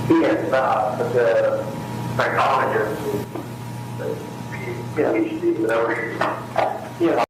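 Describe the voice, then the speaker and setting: Halting man on a prison phone call. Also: mid-range voice. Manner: slow, halting, rambling speech. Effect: prison phone call played aloud in court. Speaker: inmate on a recorded jail call. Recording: echoey courtroom playback of a phone call, noisy.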